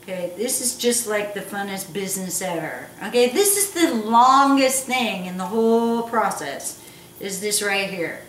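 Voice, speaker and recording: A woman hosts a laid-back cooking lesson, joking around and teasing as she instructs. Her mid-range voice is animated, unhurried, and fairly bright, heard through a distant mic in an echoey, noisy room.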